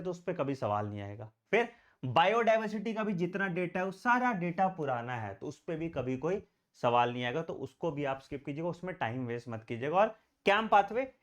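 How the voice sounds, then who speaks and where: A middle-aged man teaching exam biology to camera, addressing students fatherly as "beta" and checking in often. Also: a little high. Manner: fatherly, calls students beta, frequent tag "theek hai". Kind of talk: exam prep lesson to camera.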